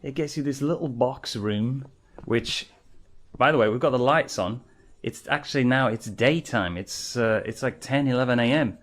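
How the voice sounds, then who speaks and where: A man's voice: mid-range voice, moderate pace. A British man filming a travel vlog, complaining with exasperated, mocking remarks as he walks through a hotel and city streets. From United Kingdom. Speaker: vlogger.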